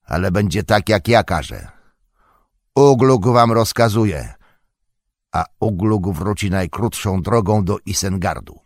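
A man voicing a gruff, domineering male orc captain with a grating bass voice in an audiobook reading. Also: slow pace, dry recording, studio quality. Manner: commanding, boastful. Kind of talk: audiobook character voice.

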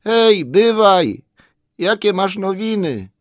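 A man's voice: mid-range voice, very animated, unhurried, no room sound, clean studio sound, pitched above the performer's own voice. A man voicing a small, dazed and wounded male hobbit in a storybook reading, in a raised, strained, plaintive tone. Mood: calling out. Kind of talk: audiobook character voice.

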